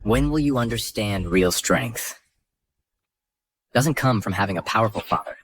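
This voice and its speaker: An actor playing a calm, defiant young hero confronting a villain in a dubbed drama. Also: male voice, fairly low pitch. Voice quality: cool, steady, measured.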